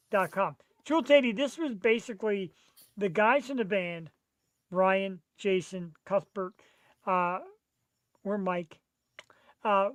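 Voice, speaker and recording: A man, chatting casually as a podcast host in an excitable, slangy, rambling way. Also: sits high, no echo. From Philadelphia, USA. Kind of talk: casual live podcast chat.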